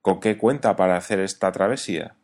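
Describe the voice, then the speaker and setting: A man's voice: deep voice, fairly quick, a little mellow. A man reading an audiobook, voicing a rescued castaway who speaks grave and plain.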